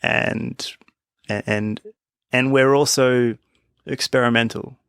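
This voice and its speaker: A man's voice: medium pitch, fairly even intonation, takes it slowly, gravelly, fairly bright tone, smooth, no echo, clean studio sound. A man co-hosting a sports podcast, talking in a thoughtful, musing way and laughing easily. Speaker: podcast co-host. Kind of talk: casual chat.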